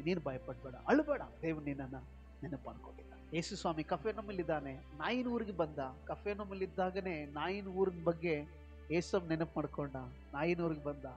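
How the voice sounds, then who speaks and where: A man pastor with a Kannada accent preaching a sermon, swinging between loud exclamations and soft intimate appeals, often repeating his phrases. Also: fairly high pitch, muffled recording. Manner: repeats phrases, mixes English words into Kannada. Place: prayer hall.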